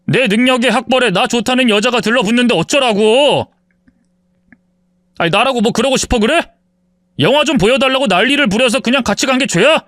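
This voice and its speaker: A man's voice: extremely high pitch, brisk, fairly bright tone, no room sound, clean studio sound. A man voicing an arrogant husband in his forties who mocks his wife and justifies his cheating. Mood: scornful. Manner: contemptuous, mocking, self-justifying. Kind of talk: dramatized story reading.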